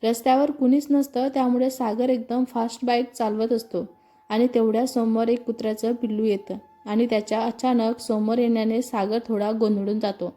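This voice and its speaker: A woman narrating a romantic story in a steady, even reading, then asking listeners to like and subscribe. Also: fairly high pitch.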